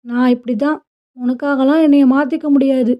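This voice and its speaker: A woman's voice: high voice, fairly even intonation, moderate pace, natural voice. A woman storyteller voicing a rich young man who speaks bluntly and dismissively. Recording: dull lo-fi recording.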